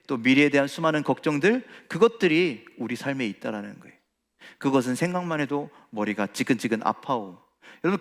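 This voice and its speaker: A man's voice: mid-range voice, vocal fry. A male pastor preaching a sermon with emphatic rhetorical questions, addressing his congregation. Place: church sanctuary. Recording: long church reverb.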